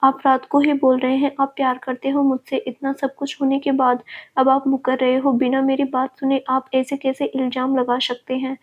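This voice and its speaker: A woman's voice: high voice, monotone, normal speed. A woman voicing a desperate young woman who pleads and insists through tears. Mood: pleading, tearful. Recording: dull lo-fi recording.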